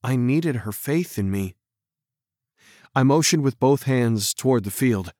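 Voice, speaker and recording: Slow, lively male storyteller. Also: mid-range voice, dry recording, studio quality. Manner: expressive, acts out the dialogue. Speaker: narrator. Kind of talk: first-person storybook narration.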